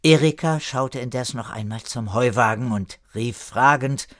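A man reading an audiobook, narrating a story in a slow, expressive way. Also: mid-range voice, dry recording, clean studio sound. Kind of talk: scripted narration.

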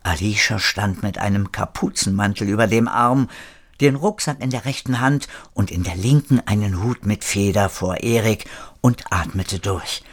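A man narrating a story in a measured, scripted way. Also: fairly low pitch. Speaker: audiobook narrator.

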